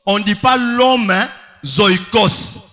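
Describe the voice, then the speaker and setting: A man's voice: sits high, slow, pushed and bright. A man preaching a sermon, emphatic, with rhetorical questions and sing-song stretches. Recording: long hall reverb.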